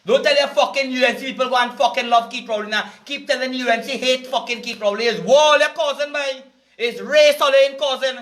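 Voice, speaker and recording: A Trinidadian man rants in a very high voice, swearing constantly as he street-preaches. His tone is bright and cutting, and he circles back to the same points over and over. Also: fairly even intonation, brisk. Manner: heated, cursing, repetitive. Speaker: vlogger. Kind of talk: profane street-preaching rant.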